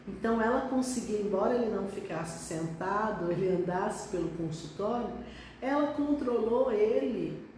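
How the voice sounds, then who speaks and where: A middle-aged Brazilian pediatric neurologist talks reflectively on a live stream, with some hesitations. Her medium-pitched voice has a dark tone and a little hiss or hum, captured by a phone that sits distant from her in an echoey room.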